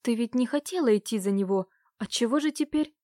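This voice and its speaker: A woman reading a gentle elderly aunt. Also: on the high side, a little fast, no echo, studio quality, natural voice.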